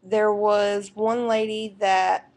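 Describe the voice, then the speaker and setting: A woman's voice: medium pitch, flat delivery, darkish tone. A young woman from South Carolina, rambling through a casual life update at home into her computer's microphone. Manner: rambling and unhurried, with fillers and restarts. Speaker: vlogger and new mother. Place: indoors at home. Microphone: computer webcam microphone.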